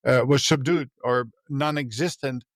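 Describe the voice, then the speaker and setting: A man speaks as a podcast guest, telling his story earnestly and haltingly, often starting sentences over. His voice sits at an ordinary middle pitch. The recording is close and dry, with almost no room sound. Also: steady tone, fairly bright tone, no room sound. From Netherlands. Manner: earnest and halting, with frequent restarts. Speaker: podcast guest, leadership coach and mentor. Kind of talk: reflective personal storytelling in a podcast interview.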